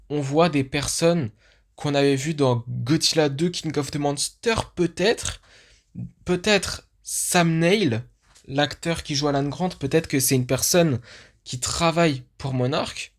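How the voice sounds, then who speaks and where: A YouTube host giving casual commentary on a film teaser. The host talks like an enthusiastic fan who thinks aloud, with many restarts and fillers. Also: mid-range voice.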